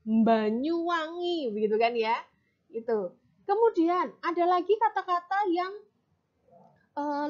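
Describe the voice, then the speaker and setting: High-voiced woman teaching a lesson. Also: muffled recording. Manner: patient, checks with students using tag questions. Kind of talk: explanatory lesson to students.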